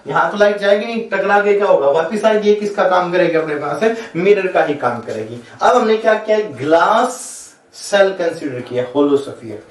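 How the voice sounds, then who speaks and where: A male physics teacher giving a classroom lecture. He asks questions and answers them himself, and he dictates definitions slowly, word by word. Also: sits high. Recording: echoey room, voice from far off the mic.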